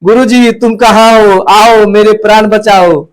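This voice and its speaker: A man's voice: high-pitched, steady tone, a little slow, clear, resonant tone. A man reading as a frightened young disciple pleading. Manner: wailing, pleading.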